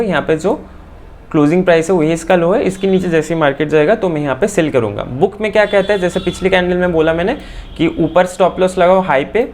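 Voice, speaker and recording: A man from India explaining a trading chart lesson quickly, repeating phrases and checking in with "theek hai" often. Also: fairly high pitch, darkish tone, slight background noise. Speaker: stock market trading teacher.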